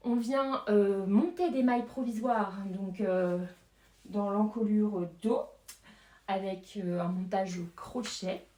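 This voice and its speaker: Woman vlogger, casual and hesitant, mid-pitched voice, roomy echo. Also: steady tone, slow, warm tone. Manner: chatty, hesitant, many fillers and little laughs. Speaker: knitting vlogger. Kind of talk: casual knitting pattern review.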